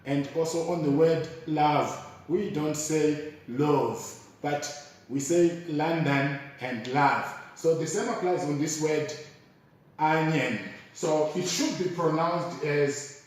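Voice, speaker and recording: A man teaching pronunciation, slowly and deliberately repeating each word as an example. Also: on the high side, fairly even intonation, a little mellow. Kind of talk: explanatory lesson. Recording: very echoey room, mic far off.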